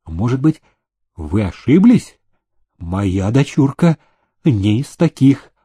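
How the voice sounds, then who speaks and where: A man voicing a humble, cautious old widowed father, speaking deferentially and slowly, in a storybook reading. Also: medium pitch, sing-song, dark tone, breathy edge, full character voice. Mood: wary. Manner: deferential, slow and careful.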